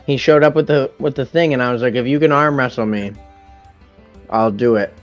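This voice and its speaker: A man's voice: mid-range voice, a little fast. A man playing a tabletop game, telling a story easygoingly with some hesitation. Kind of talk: casual chat at a game table. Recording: dull, slightly lo-fi mic with faint music.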